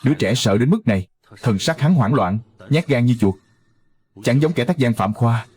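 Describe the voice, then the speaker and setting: A man narrating and voicing a detective's inner thoughts in a dubbed drama recap, measured and wry. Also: mid-range voice, animated, darkish tone, husky.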